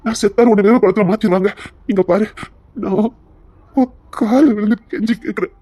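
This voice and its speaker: A man's voice: high voice, fairly even intonation, a little fast, warm tone, no room sound. Man playing a remorseful, pleading husband. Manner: earnest, pleading, sorrowful. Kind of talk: Tamil audio story acting.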